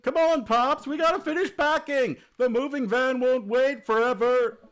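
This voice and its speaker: Speaking at a moderate pace in a clear, resonant voice, a man does voice acting for a game playthrough. He plays a sarcastic teenage girl in her final year of high school who teases her dad with deadpan quips.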